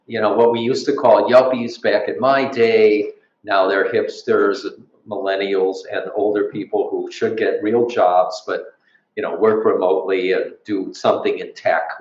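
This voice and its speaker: A middle-aged man hosting a live event, introducing the next reader with rambling, dry asides. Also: fairly low pitch. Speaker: event host. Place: art gallery at a live event. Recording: roomy, dull live recording.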